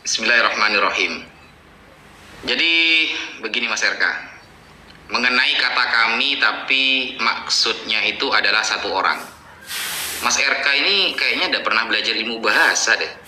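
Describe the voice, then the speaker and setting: A man, a preacher, answering a challenge in an explanatory, gently dismissive, lecturing way. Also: mid-range voice, moderate pace, reverberant, low-quality recording. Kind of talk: reaction commentary.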